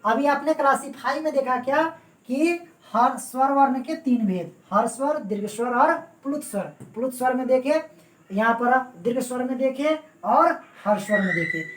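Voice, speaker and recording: A woman's voice: high voice, far from the mic. A woman teaching Hindi grammar for exam prep. She repeats her points and keeps checking that her students follow, addressing them fondly. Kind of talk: exam-prep classroom lecture. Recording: roomy echo, voice away from the mic.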